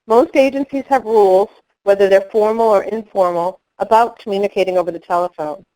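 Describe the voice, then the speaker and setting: A middle-aged woman giving a training webinar, speaking in a clear, measured instructional way. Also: mid-range voice, warm tone, rough recording.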